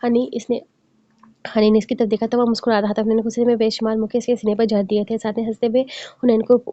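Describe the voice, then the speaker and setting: A woman narrating an audio novel in a rapid, even reading voice, close to the mic. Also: a little high, no echo. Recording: dull, dry close recording.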